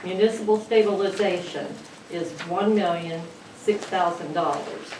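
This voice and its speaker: A woman with a fairly low voice reads out account balances in a rush, stumbling over fillers. She sits away from the mic in an echoey council chamber. Steady background noise runs underneath. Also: recorded from a distance. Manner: rushed, reeling off figures with fillers. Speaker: city finance officer. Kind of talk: reading a financial report at a council meeting. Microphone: distant room mic.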